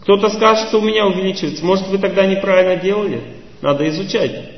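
A man giving a measured spiritual lecture, teaching patiently and putting rhetorical questions to his listeners. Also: high-pitched, steady tone, distant mic. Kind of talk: religious lecture. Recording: echoey hall, voice from afar, muffled.

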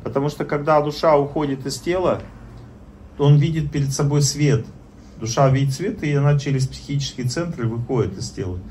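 Halting man teaching about prayer. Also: fairly high pitch, darkish tone, slight background noise. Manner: halting, with many fillers and pauses. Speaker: spiritual teacher. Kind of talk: informal spoken lesson on prayer.

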